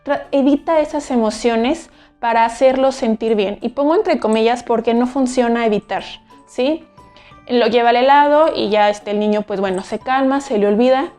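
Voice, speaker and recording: A woman psychologist giving an explanatory talk to parents, often checking in with a quick "right?". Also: fairly high pitch, a little mellow, soft background music. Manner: explanatory, asks frequent "¿sí?" checks. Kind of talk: educational talk to camera.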